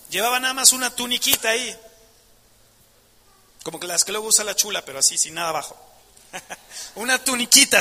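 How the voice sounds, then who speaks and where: A man's voice: very high-pitched, pushed and bright, long reverb tail. A man preaching a passionate sermon, emphatic, asking the audience rhetorical questions.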